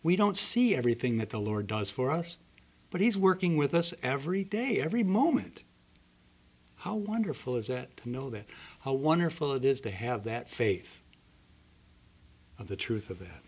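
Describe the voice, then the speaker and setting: A man's voice: mid-range voice, very animated, normal speed, breathy edge. A man preaching a sermon, telling stories earnestly and acting out the people in them. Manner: earnest storytelling with voiced characters.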